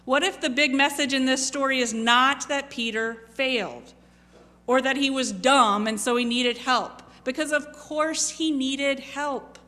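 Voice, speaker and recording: A woman's voice: high voice, steady tone, a little slow, sharp tone. A woman pastor preaching a reflective sermon, asking many questions and acting out the quoted lines. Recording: long reverb of a large hall.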